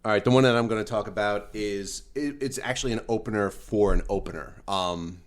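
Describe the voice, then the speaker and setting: A man in his thirties with a very low, deep voice co-hosts a casual podcast chat. He tells his stories eagerly and at length. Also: fairly quick. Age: 30s. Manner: enthusiastic storyteller. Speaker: podcast co-host.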